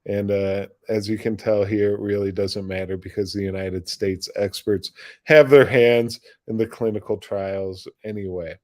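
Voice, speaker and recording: Hoarse man rambling through news. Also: on the low side, steady tone, unhurried, a little mellow. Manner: rambling, loose, with off-the-cuff asides and restarts. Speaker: livestream news show host. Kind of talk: reading news stories aloud with casual commentary.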